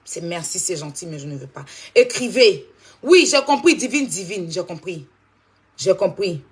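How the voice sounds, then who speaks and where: A woman's voice: fairly low pitch, very animated, moderate pace, slightly rough. A woman hosting a live stream, talking straight to her viewers and repeating her points insistently.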